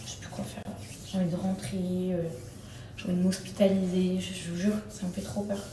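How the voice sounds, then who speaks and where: A young woman chats to her viewers in a casual, confiding vlog voice and often slips into soft, almost whispered asides. Her voice rings with a strong echo. Loud ambient noise runs behind her throughout. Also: on the low side, level tone, fairly quick. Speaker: lifestyle vlogger. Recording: echoey with loud background ambience.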